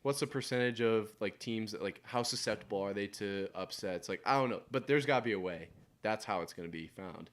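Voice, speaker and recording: Male podcast host, lowish voice, rambling casual sports chat, studio. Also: brisk, fairly bright tone. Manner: rambling, hedges with "like", laughs while talking.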